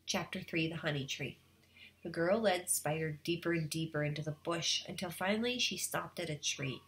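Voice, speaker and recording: A teacher with a deep voice reads a storybook aloud to her students at a moderate pace, then explains the lesson expressively. The low-quality recording carries a little background noise.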